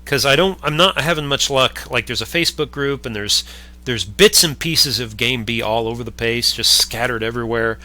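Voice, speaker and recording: A man talks through an idea on a home video call, his sentences winding as he thinks aloud. His voice is bright and forward, sitting at an ordinary male pitch. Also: normal speed. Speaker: channel host. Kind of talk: casual conversation over a video call. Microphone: webcam on a mic arm at home.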